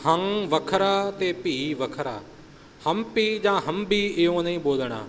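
A man's voice: sits high, expressive. Patient man teaching recitation, echoing hall. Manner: patient, corrective, repeats words slowly to model them. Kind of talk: pronunciation lesson on scripture recitation. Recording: hall reverb with faint background noise.

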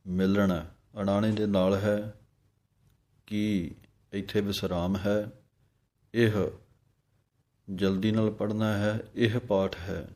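Male recitation teacher, very slow, low and level, chants the lines then explains them. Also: warm tone. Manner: slow measured chanting of verses, then quick plain explanations. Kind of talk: teaching correct pronunciation of hymns.

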